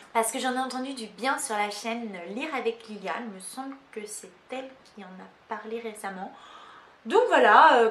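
A chatty woman book vlogger talks to camera in a fairly high voice, full of fillers and self-mocking asides. The sound carries a roomy echo. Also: fairly bright tone. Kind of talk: casual chat to camera.

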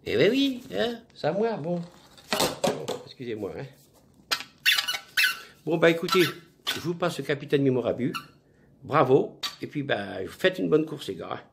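A man voicing a zany, rambling male cousin in a comic monologue, mumbling absurd jokes in a low voice. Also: big pitch swings, unhurried, vocal fry, pauses often, very noisy, exaggerated voice. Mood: chummy.

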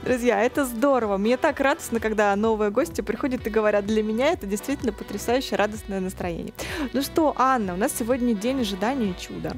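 A woman's voice: fairly high pitch, fast, soft background music. A woman in her thirties co-hosting a live call-in talk show in an enthusiastic, exclamatory way. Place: small TV studio. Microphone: headset.

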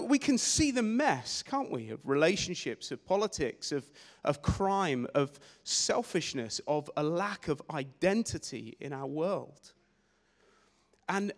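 A young man preaching a sermon on a church stage with a handheld mic, energetic and gesturing, often repeating words as he restarts phrases. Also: high voice. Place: church stage in a large hall. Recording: long hall reverb.

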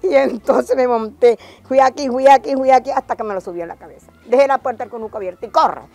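An older woman with a Venezuelan accent, telling lively stories from her childhood in an interview and acting out cries in a high voice. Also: fast, faint music behind. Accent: Venezuelan Spanish. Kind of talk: lively storytelling.

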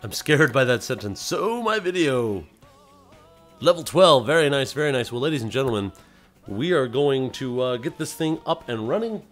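A man's voice: medium pitch, expressive, moderate pace, soft background music. A man hosting a casual game livestream, chatting loosely and playfully with viewers and slipping into silly voices. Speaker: livestream host.

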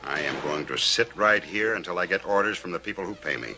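Weary middle-aged American lawman, TV western, very deep, forceful, embittered. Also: brisk, slight background noise, exaggerated voice. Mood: defiant. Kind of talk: 1950s television western acting.

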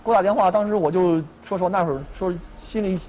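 Man, thirties, earnest, repeats himself, quick delivery, higher-pitched voice. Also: steady tone, a little mellow, slight background noise. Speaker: party in a family dispute. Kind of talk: recounting a family conflict to a mediator.

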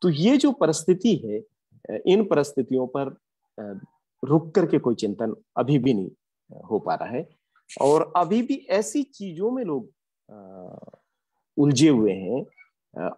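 A man giving an academic lecture, earnest and reflective, pausing often with hesitations. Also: medium pitch, dark tone, breathy edge. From India. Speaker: guest lecturer.

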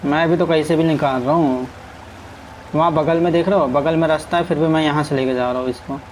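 A man talks his way through a driving game in a loose, chatty flow, urging his truck along and talking to viewers. His voice sits a little high. Faint game sounds hum underneath. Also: fairly even intonation, fast, poor audio. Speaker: gaming streamer. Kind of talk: casual gameplay commentary.

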